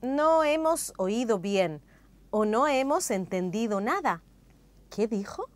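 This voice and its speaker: A woman narrates a scripted language lesson in a slow, careful, explanatory manner. Her voice sits a little high and moves through a lively melody. The recording is dry and close, with no room sound. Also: dry recording.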